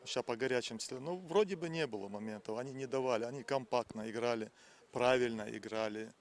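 A man in his fifties, a football coach, giving plain, halting, repetitive post-match answers outdoors into a handheld microphone. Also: mid-range voice. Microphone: interviewer's handheld microphone.

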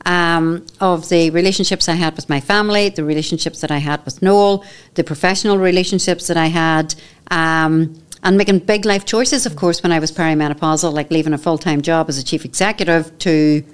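Northern Irish woman, 50s, slightly low-pitched, earnest and emphatic interview guest. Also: steady tone, a little fast, clean tone. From Northern Ireland. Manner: earnest, emphatic, repeats key phrases. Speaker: podcast guest, menopause educator. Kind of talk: candid conversational interview. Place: studio set with armchairs. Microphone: boom microphone on stand.

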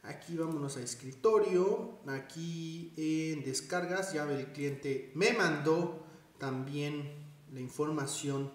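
A man's voice: a little high, takes it slowly. A man giving a chatty design tutorial, thinking aloud and correcting himself as he works. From Mexico. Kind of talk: screen-recorded tutorial. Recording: very echoey room.

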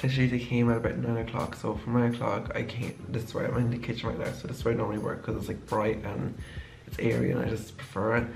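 Young male student vlogger, gravelly and monotone, tired, rambly storytime. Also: mid-range voice, fast, background noise. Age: young adult. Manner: rambling, heavy use of "like". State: tired from lack of sleep. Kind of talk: casual storytelling vlog. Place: home kitchen, indoors.

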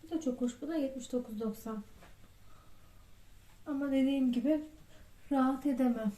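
A woman's voice: high voice, normal speed, mellow. A woman vlogging a casual clothing try-on, chatty and thinking aloud as she weighs each piece. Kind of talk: casual try-on haul vlog. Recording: echoey room with faint noise.

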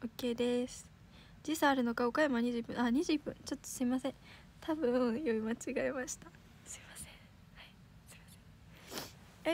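A teenage girl with a Kansai accent, hosting a casual livestream, chatty and giggly, reading comments aloud and correcting herself quickly. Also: sits high, a little hiss or hum. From Osaka, Japan. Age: teens. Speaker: idol livestream host.

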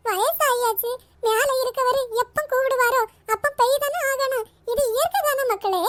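Cartoon role: very high-pitched doting old grandmother, fond and teasing, voiced by a woman. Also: moderate pace, fairly bright tone. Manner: fond, calls granddaughter dear, chuckling. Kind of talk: cartoon voice acting.

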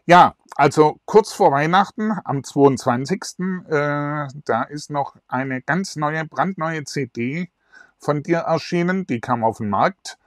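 A man's voice: fairly high pitch, lively intonation, slow pace, no room sound, studio quality. A middle-aged man hosting an online interview, chatty and full of fillers, talking into a lapel mic. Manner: chatty, filler-heavy questions. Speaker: host. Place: indoors in front of a virtual backdrop.

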